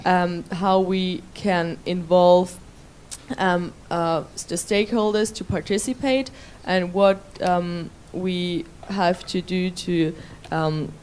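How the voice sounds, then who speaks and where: A woman's voice: on the low side, steady tone, takes it slowly, a little mellow, a little hiss or hum. A woman making a spontaneous remark from the floor at a conference, hesitant, with many fillers and restarts. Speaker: conference participant. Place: conference room.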